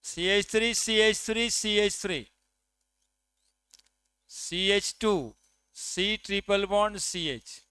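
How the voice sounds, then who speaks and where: A man's voice: high-pitched, fairly even intonation, slow, pauses often, sharp tone, clear, resonant tone, no room sound. A man from India teaching a chemistry class, counting atoms aloud and checking with his students. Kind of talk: classroom lecture.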